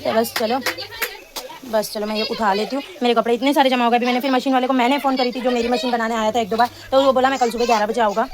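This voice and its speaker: A woman's voice: on the high side, fairly even intonation, rapid-fire, a crowd in the background. A woman who is a mother, chatting casually to her phone camera in her home kitchen, teasing her son and talking through her chores. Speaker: vlogger, mother. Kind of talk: casual home vlog narration. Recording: noisy home recording.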